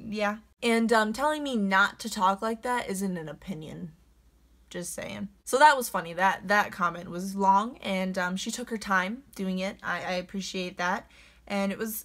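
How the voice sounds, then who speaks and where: A woman's voice: medium pitch, pushed and bright. Young woman reading comments with sarcastic sass. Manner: sarcastic, sassy retorts. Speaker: beauty vlogger reading comments. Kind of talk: casual vlog chat, reading out and answering comments.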